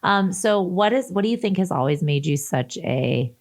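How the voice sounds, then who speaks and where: A woman's voice: on the low side, lively intonation, moderate pace. A woman hosting a podcast, asking loose, rambling questions with fillers in a casual interview. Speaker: podcast host.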